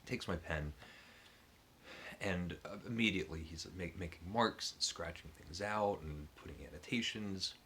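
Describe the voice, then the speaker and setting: A man's voice: sits low, normal speed, a bit bright, a little hiss or hum. A man hosting his book channel, casually telling a personal story to the camera with many ums and restarts. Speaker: booktube channel host.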